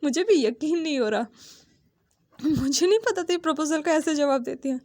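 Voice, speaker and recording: Woman doing a young man, amused, incredulous, high voice, dry sound. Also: normal speed, a little mellow, no echo, natural voice. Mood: amused disbelief. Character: teasing young man, laughing easily.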